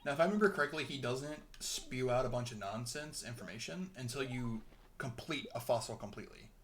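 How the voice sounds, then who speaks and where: A man's voice: mid-range voice, lively intonation, brisk. A young man giving rambling, chatty let's-play commentary while he plays, chuckling often. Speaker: gameplay commentator.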